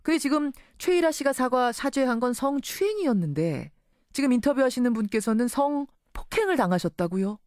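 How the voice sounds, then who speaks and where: A woman's voice: high voice, big pitch swings, fairly quick, a little mellow, no echo, clean studio sound. A woman hosting a radio news interview, articulate, restating what she hears as questions. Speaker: radio news show host.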